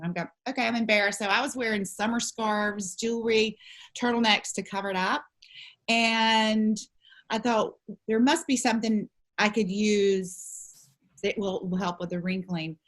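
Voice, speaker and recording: A woman of forty-nine, telling her own story conversationally as an interview guest, animated and quoting her own thoughts. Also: mid-range voice, moderate pace. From southern United States. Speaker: beauty company founder, interview guest.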